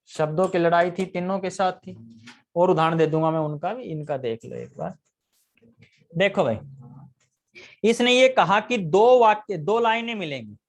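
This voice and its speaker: A man teaching a live grammar lesson, constantly quizzing his students with questions and answering them himself. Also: on the high side.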